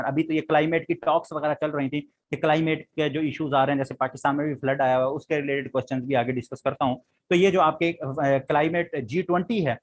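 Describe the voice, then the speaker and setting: A man with a Pakistani Urdu accent teaching a current affairs lesson for exam prep. He repeats key facts and quizzes his students as he goes. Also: fairly high pitch.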